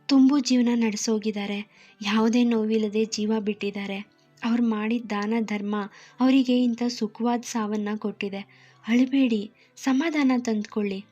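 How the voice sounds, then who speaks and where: A woman voicing a dutiful young male assistant who calmly comforts a grieving older woman. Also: a little high, unhurried. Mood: soothing. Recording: muffled lo-fi with soft music.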